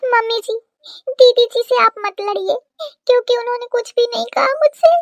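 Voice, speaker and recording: एक महिला द्वारा रोनी, नाटकीय नई बहू. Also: female voice, very high voice, steady tone, slow, no room sound. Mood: weepy. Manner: tearful, theatrical, mixes English words. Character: young emotional dramatic daughter-in-law.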